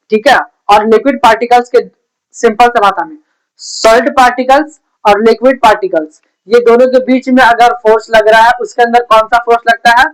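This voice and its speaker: A man's voice: very high voice, rough recording. A man teaching pharmacy in a casual explainer lesson, often asking the listener questions and checking in with "okay?". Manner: repeats "thik hai" and quizzes the viewer with questions. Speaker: pharmacy tutor.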